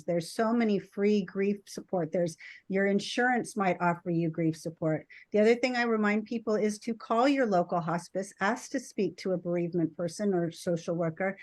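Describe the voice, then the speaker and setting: A woman hospice nurse talking in an earnest, empathetic way, as in a conversational panel discussion. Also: mid-range voice.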